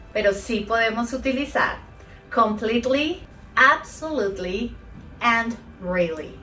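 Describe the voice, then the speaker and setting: Woman language teacher, slow and deliberate, slightly high voice, mic set back, faint music underneath. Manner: slow, careful, reads example words one by one. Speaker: English teacher. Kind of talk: explaining grammar to learners. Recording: voice a bit far from the mic, soft music behind.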